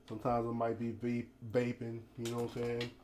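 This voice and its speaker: A man's voice: medium pitch, monotone, brisk, a little mellow. An American man hosting a laid-back, casual commentary livestream, his speech slightly impeded by a teeth grill. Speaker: host of a news commentary livestream. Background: ambient noise, storm outside.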